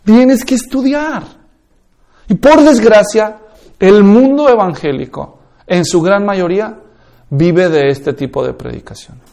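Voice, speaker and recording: High-voiced man teaching emphatically. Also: lively intonation, a little slow, gravelly, dark tone. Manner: emphatic, rhetorical questions, mimics others. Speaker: preaching instructor. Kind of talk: teaching a course lecture.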